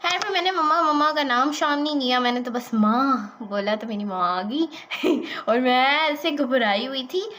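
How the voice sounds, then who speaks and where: A woman with a high voice tells a childhood story in a casual vlog. She is animated and chatty and slips English words into her talk. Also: moderate pace, slight background noise. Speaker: vlogger.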